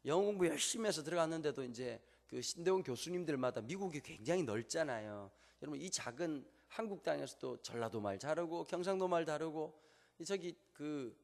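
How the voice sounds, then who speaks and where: Lively Gyeongsang-accented preacher in a hall. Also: male voice, on the high side. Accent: Gyeongsang Korean. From Gyeongsang, Korea. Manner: humorous, lively storytelling. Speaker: pastor. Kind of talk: sermon with storytelling.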